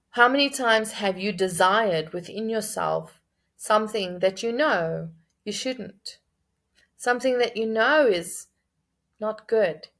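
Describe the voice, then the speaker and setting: A woman's voice: mid-range voice, fairly bright tone. A woman giving a reflective spoken book review with scripture commentary, earnest and thinking aloud with hesitant restarts.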